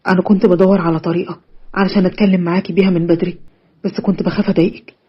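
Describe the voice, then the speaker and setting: A woman voicing an earnest, polite young man courting a girl, speaking softly and steadily in an Egyptian accent. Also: on the low side, level tone, racing, breathy edge, highs cut off, pitched below the performer's own voice. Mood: sincere. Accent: Egyptian Arabic.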